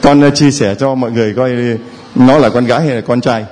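A man who is a priest, giving a sermon and teasing people in the audience, sometimes chanting prayer lines slowly. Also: mid-range voice, steady tone, darkish tone, slight background noise. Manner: teasing, jovial, slow chant-like prayer phrases.

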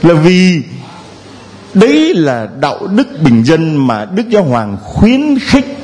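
Lively teasing priest, man preaching. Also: a little high, slow pace. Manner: teasing, playful with the congregation. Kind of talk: sermon. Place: church.

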